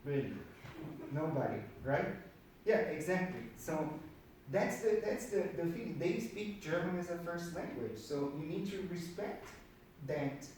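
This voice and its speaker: A slightly mellow, fairly high-pitched male voice with lively intonation and an unhurried pace belongs to a Brazilian man whose native language is Portuguese. He's presenting casually to an audience in an indoor room at a career networking meetup, repeating words for emphasis, in his Brazilian accent. Sound quality suffers from strong echo, distant miking and faint noise.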